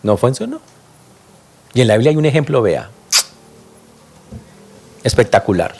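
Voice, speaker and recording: A man preaching a sermon as pastor, emphatic and animated, questioning his congregation directly and tossing in sharp interjections. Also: mid-range voice, measured pace, vocal fry, husky.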